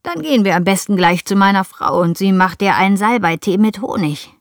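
A woman doing a gentle old gardener. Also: mid-range voice, animated, fairly quick, dry recording, studio quality, lightly acted. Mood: kindly. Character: kindly old male gardener.

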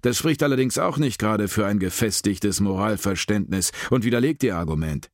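A man playing a zealous, self-righteous American agent in an audiobook, sanctimonious and quick to shout. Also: fairly low pitch, animated, no room sound, clean studio sound, pitched above the performer's own voice. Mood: smug.

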